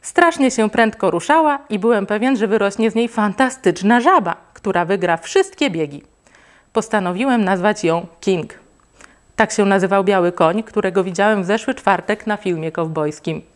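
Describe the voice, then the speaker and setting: A woman reading a children's book aloud in a lively, expressive way. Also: mid-range voice, moderate pace. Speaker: reader.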